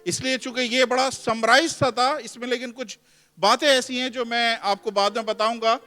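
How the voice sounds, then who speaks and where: A man's voice: very high voice, fairly even intonation, bright, forceful tone, long reverb tail, soft background music. A male pastor preaching a sermon, reading scripture aloud and explaining each verse, slipping English words in. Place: church hall.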